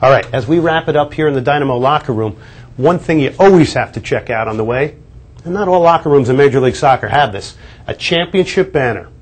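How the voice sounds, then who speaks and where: A husky, expressive, medium-pitched man talking at a quick clip. He's a sports TV host on a lapel mic, walking through a locker room and hallways in an upbeat, chatty tour and pointing things out along the way.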